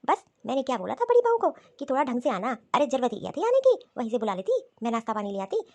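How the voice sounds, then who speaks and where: A woman voicing a scheming, scolding middle-aged mother-in-law in a cartoon, talking in a sharp, taunting, bossy way. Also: high voice, huge pitch swings, fast talker, lo-fi sound, exaggerated voice. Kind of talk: cartoon voice acting.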